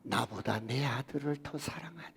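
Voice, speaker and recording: A solemn, searching God speaks slowly in a low, probing voice, as a preacher puts him on. The words linger in a long church reverb. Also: male voice, creaky, husky. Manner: slow, low, questioning.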